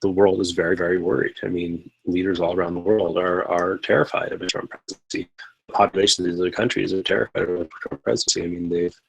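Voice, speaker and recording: A man co-hosts a live stream in a low, gravelly voice that stays fairly flat. He rambles through his points with lots of fillers and restarts. His tone is a little husky. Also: quick pace, poor audio. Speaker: podcast co-host. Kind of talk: casual political discussion.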